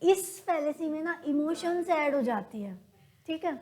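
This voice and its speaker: A woman with an Indian accent giving a classroom lesson in a high voice, taking her time over every point. She poses questions and answers them herself, now and then acting out little everyday examples. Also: expressive, measured pace, darkish tone. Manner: acts out everyday examples in quoted dialogue. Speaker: teacher. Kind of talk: classroom lecture on logical reasoning.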